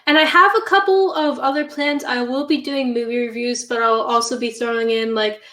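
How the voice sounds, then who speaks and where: A woman's voice: fairly high pitch, steady tone, moderate pace, a bit bright. A woman chatting casually and playfully as a guest. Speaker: horror host guest. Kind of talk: casual chat. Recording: roomy, echoing sound.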